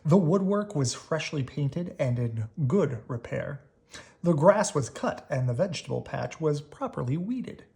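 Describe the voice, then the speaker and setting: A creaky, mid-range voice carries this lively children's story reading, with certain key words pulled long and emphasized.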